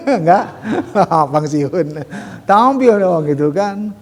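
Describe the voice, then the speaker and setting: A man teaching Quran recitation in a casual lesson, correcting pronunciation by slowly modeling sounds. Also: high-pitched, lively intonation. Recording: reverberant hall.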